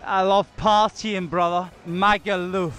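A young man talking in a rowdy, casual street interview. His voice is high. Faint music plays behind him in the open air. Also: level tone, a little slow, a bit bright, clean tone. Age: young adult. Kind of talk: rowdy casual vox pop. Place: outdoors on a tree-lined night street. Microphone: handheld microphone.

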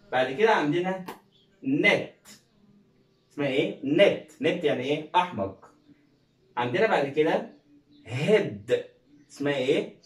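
An Egyptian-accented man in a slightly high register runs a pronunciation lesson, repeating word lists and quizzing in a call-and-answer way. The sound is roomy and echoey, picked up from some distance off the mic. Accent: Egyptian Arabic. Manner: drills words slowly, asks and answers his own questions. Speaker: English teacher.

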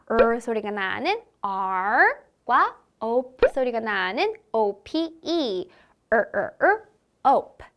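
A woman's voice: high-pitched, a bit bright. A young woman teaching children English phonics in a cheerful, sing-song way, talking straight to the kids.

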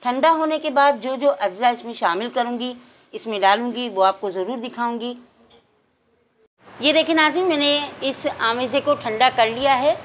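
High-voiced woman giving calm recipe steps. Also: normal speed. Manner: calm, instructive, addresses viewers directly. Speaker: cooking channel host. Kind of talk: step-by-step recipe voice-over.

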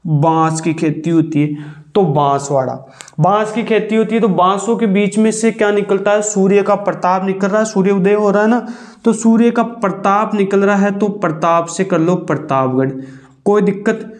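High-voiced teacher, call-and-response. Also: male voice. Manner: repeats questions and answers them himself, drawn-out emphasis. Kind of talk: classroom lesson teaching a memory trick.

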